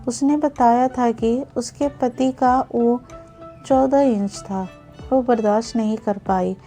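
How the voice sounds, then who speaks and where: Woman doing timid young bride, pleading, soft, slow, mellow tone, storybook. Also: fairly high pitch, fairly even intonation, faint music behind. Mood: tearful.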